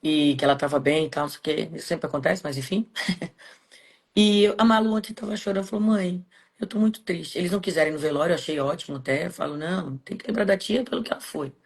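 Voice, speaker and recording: A woman with a Brazilian Portuguese accent, telling a personal story in a podcast chat, speaking softly and heartfelt. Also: deep voice, fast, vocal fry, slightly rough. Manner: soft, subdued, heartfelt.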